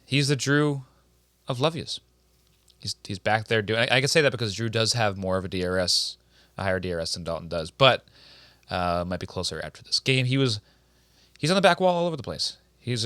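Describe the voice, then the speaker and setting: A man's voice: lowish voice, expressive, a little fast, a bit bright, no room sound. A man co-hosting a casual sports podcast, making crude jokes and laughing a lot, close to the mic. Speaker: podcast co-host.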